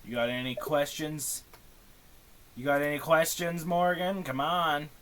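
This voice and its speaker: A young man streaming live, talking in an excitable, pushy way and laughing. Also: a little high, unhurried, slight background noise.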